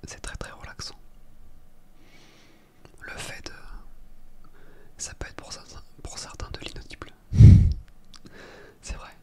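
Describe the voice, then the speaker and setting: Hushed library whisper, ASMR book reader. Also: a little slow, long pauses. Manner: soft library-like whisper throughout.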